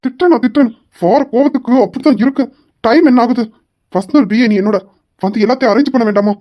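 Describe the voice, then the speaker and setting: A woman's voice: fairly high pitch, quick pace, dull audio, natural voice. A woman playing a harried young man, an office boss and boyfriend, who scolds his late girlfriend. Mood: exasperated. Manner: exasperated, scolding. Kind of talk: amateur romance skit.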